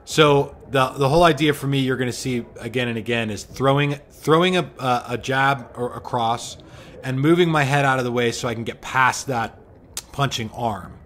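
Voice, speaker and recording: Man, forties, casual fight commentary, self-deprecating, mid-pitched voice, noisy background. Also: moderate pace. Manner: joking, self-deprecating, animated play-by-play. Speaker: amateur boxer commentating his own fight.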